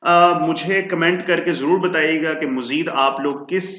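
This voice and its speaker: A man's voice: a little high, moderate pace, pushed and bright. A man giving a casual tutorial, chatty, calling listeners brother and slipping into English. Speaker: freelancing tutor and podcast host. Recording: echoey room, dull lo-fi sound.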